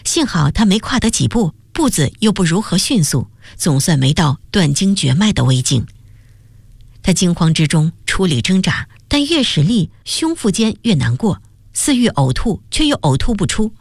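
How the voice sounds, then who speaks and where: A woman reads a novel aloud for radio, her measured storytelling rising and falling through a lively melody. Her voice sits a little low, and the studio sound is close and dry. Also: husky, dry recording.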